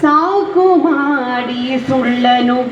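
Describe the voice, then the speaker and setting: A woman's voice: high voice, a little hiss or hum. A woman singing as a jealous goddess wife. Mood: accusing. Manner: sung in slow, drawn-out phrases with spoken refrains. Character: goddess wife, jealously accusing her husband. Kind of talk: devotional song. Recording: roomy, dull recording with faint music.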